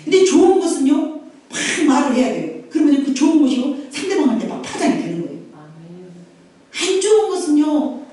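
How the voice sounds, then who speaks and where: Middle-aged woman pastor, high lively voice, emphatic repeating sermon style, heard from a distance in a very echoey church hall. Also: a little fast. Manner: emphatic, repetitive preaching with calls for amen. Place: church sanctuary.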